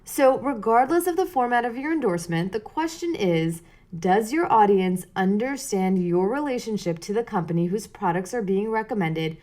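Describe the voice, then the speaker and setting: A woman's voice: mid-range voice, a little mellow. A woman hosting a solo podcast, explaining tips in a conversational way and speaking straight to the listener. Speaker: podcast host.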